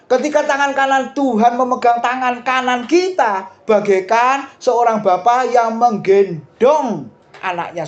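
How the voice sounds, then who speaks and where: A middle-aged man with an Indonesian accent preaching a sermon, lively and chatty, often asking the congregation questions. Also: high-pitched, muffled recording. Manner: lively, talks straight to the congregation with asides and questions.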